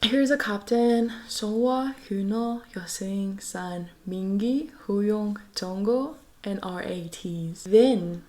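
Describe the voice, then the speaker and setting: Woman fan vlogger with a mid-pitched voice, gushing and excitable, swearing freely with whispered asides. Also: slow, few pauses, faint music behind. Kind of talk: casual fan recap vlog.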